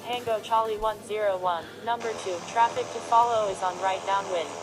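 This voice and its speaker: A woman's voice: medium pitch, brisk, rough recording. A computer voice of a woman giving clipped air traffic control calls over a cockpit radio in a flight simulator, with music behind. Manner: clipped, even radio phraseology. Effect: cockpit radio transmission in a flight simulator.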